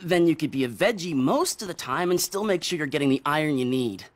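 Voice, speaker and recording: A woman's voice: deep voice, expressive, a little fast, no echo. A woman voicing a friendly, easygoing teenage boy who likes to tease, in a cartoon. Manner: easygoing, teasing.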